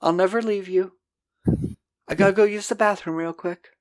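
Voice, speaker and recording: A man voicing a detached young witch woman, hushed and falsely soothing, somewhat higher than his own voice. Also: fairly even intonation, moderate pace, lightly acted.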